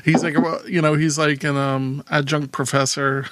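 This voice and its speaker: A man's voice: a little high, level tone, normal speed, a bit bright, no echo. A man co-hosting a casual TV rewatch commentary, chatting in a joking, rambling way. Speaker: co-host of a TV rewatch show.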